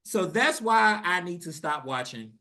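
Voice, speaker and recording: A young man co-hosting a podcast, telling a story in casual, profane chat and acting out the quotes with a rising voice. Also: measured pace. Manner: animated, profane, acts out quotes with rising pitch. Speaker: podcast co-host.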